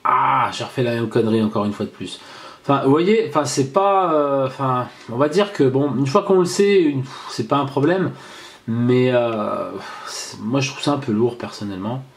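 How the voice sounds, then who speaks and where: A man's voice: medium pitch, expressive. Chatty man demoing a gadget. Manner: chatty, halting, many fillers and restarts. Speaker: product reviewer. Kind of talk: casual hands-on product demo.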